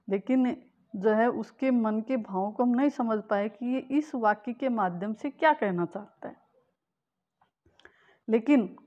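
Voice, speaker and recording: A woman teacher giving a patient grammar lesson to students, explaining slowly and repeating key points. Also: medium pitch, muffled recording. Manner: slow, patient explaining with repetition.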